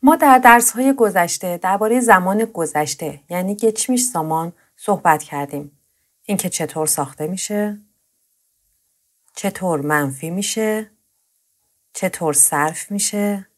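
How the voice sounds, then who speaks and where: A woman presenting a grammar lesson, explaining patiently and slowing down to drill each verb form. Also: medium pitch. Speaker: Turkish language teacher.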